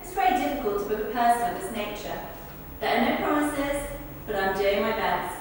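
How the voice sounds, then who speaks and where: Briskly and in a fairly high, natural-sounding voice, a woman rehearses verbatim monologues recounting a celebrity visit to a football club. She tells these accounts earnestly. The echoey rehearsal room, distant mic and faint noise color the audio.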